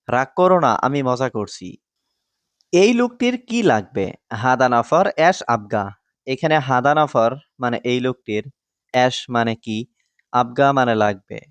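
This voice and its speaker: A man reading out a scripted language lesson, repeating each phrase and explaining it word by word in a measured way. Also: medium pitch, smooth, dry recording. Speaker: language teacher.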